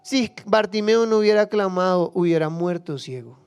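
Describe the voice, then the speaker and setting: A male pastor delivers a passionate sermon in a high, smooth, resonant voice. He acts out prayers and Bible figures, swinging from hushed asides to loud cries, with faint music underneath. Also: lively intonation, moderate pace.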